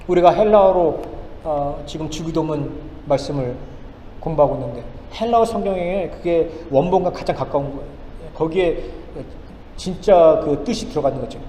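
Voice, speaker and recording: A male pastor preaching a sermon, firing off rhetorical questions and swinging between loud and hushed lines. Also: fairly high pitch, a little fast, slight background noise. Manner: emphatic, rhetorical questions, dramatic swings in loudness. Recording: echoey church hall with faint ambience.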